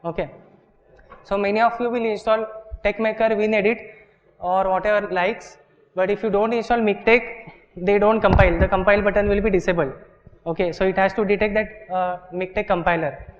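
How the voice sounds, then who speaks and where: High-voiced Indian man teaching in a hall. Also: steady tone, a little fast, slight background noise. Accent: Indian English. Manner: explains step by step, often checks with "okay" and "right". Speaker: workshop instructor. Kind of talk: live classroom teaching. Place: large lecture hall. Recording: dull, echoey lecture hall recording.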